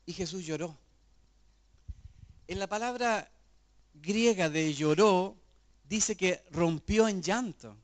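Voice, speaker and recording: A man's voice: high-pitched, slow pace, long pauses. A middle-aged man preaching a sermon in an earnest, conversational way, full of rhetorical questions. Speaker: pastor.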